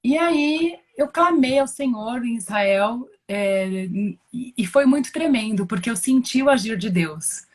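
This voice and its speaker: A Brazilian woman with a slightly high voice, lively intonation and measured pace shares an earnest, emotional religious testimony as a guest. Speaking conversationally in a Brazilian Portuguese accent, she often restarts and repeats words.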